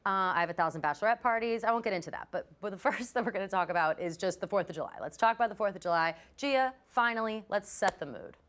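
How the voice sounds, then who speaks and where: A woman hosting a live talk show in casual chat, chatty and quick to swear. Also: medium pitch, expressive, a bit bright, slight background noise. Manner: chatty, profane, quick asides. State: out of breath.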